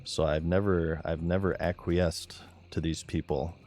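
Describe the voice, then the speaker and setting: A man with a monotone, low-energy delivery, chatting casually as he streams a game. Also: unhurried. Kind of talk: casual chat while gaming.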